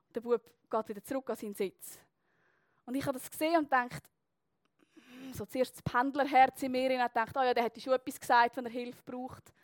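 A woman's voice: high voice, fairly bright tone, no echo. A young woman with a Swiss German accent telling a personal story to an audience in a chatty way, with many fillers and tag questions.

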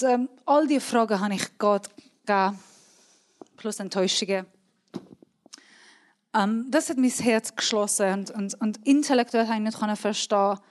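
A woman's voice: fairly high pitch, darkish tone. Earnest Swiss German woman preaching. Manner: earnest, emphatic, repeats key words. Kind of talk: sermon.

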